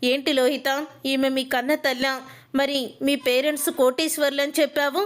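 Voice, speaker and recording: A domineering, scolding mother-in-law with a high voice, read by a woman telling the story. She lays down threats in a sharp, commanding manner. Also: level tone, moderate pace, natural voice.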